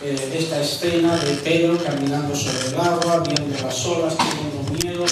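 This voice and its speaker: A man preaching a sermon in church, measured and earnest, also reading scripture aloud. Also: on the high side, steady tone, noisy background.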